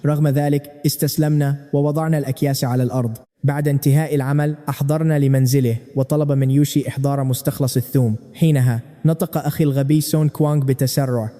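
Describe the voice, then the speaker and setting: Brief: male narrator, fast and dramatic, a touch high, recorded with a long reverb tail. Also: mellow. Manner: dramatic storytelling. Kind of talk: scripted story recap narration.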